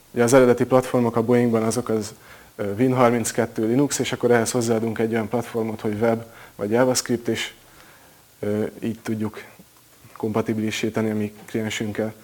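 A man presenting a technical project at a conference, pausing often with filler sounds. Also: mid-range voice, a little mellow. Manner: hesitant, many filler sounds.

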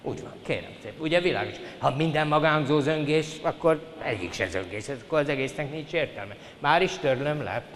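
A man's voice: fairly high pitch, animated, few pauses, fairly bright tone. An older man giving a formal university lecture, addressing the students politely and stressing his points with emphasis. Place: lecture hall. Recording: reverberant hall, faint hiss.

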